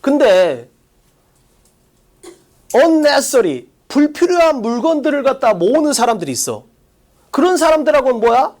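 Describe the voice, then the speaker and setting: This online English exam-prep lecturer's voice sits high and slightly mellow, swinging widely in pitch. Students are coached through quick rhetorical questions in a relaxed, plain classroom style.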